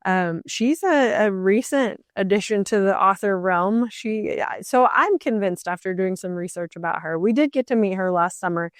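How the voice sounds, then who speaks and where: A woman's voice: mid-range voice, normal speed, few pauses, clean tone, dry recording, studio quality. Chatty woman co-hosting a book podcast. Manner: chatty, rambling with many fillers. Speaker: podcast co-host. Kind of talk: casual book chat.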